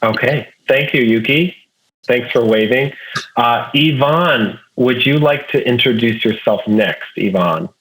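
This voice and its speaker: A man's voice: medium pitch, measured pace, a bit bright, low-quality recording. A man hosting an alumni panel over a video call, introducing speakers and posing questions in a friendly, methodical way. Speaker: international student advising director, panel host.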